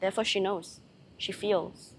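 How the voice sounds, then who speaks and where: Woman channelling a slow, serene goddess voice. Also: mid-range voice, steady tone, noisy background, lightly acted. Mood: serene, solemn. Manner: slow, solemn goddess-like delivery with long pauses. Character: serene, loving goddess speaking as a channelled divine being. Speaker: spiritual channeller. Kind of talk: channelled spiritual message.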